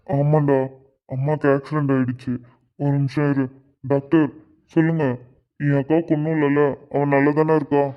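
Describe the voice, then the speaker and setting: A man's voice: fairly high pitch, level tone, normal speed, pauses often, close to an everyday voice. A man voicing a kind middle-aged uncle in a cartoon, reassuring and soothing. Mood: worried. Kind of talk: Tamil cartoon voice acting. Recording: dull lo-fi audio.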